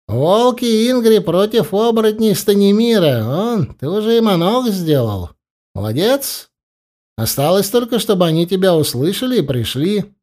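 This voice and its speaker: A man playing a cunning, menacing young ruler who talks with mocking gentleness. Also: high-pitched, voice pushed up, exaggerated voice. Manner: coaxing, mockingly gentle, threatening.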